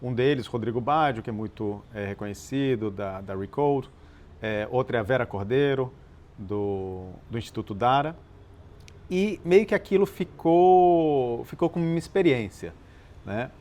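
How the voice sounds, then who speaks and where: A man born in Chile, an interview guest and nonprofit founder, telling his story in a measured, explanatory way with some hesitations. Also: mid-range voice, a little mellow. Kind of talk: relaxed conversational storytelling.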